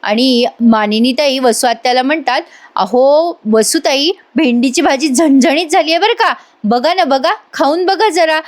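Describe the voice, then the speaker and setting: A calm mother soothes the family with gentle firmness, as a woman reads her lines. The voice is high and measured. She coaxes rather than scolds. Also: lightly acted. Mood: soothing.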